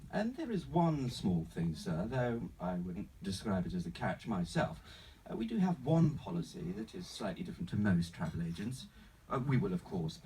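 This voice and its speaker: A man acting as an unflappable, courteous travel agent with a faintly sinister sales pitch, in a screenplay table read. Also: gravelly, warm tone, distant mic, slight background noise, low-quality recording. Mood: polite, salesman-like. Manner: formal, courteous, salesman-like, calls the customer sir.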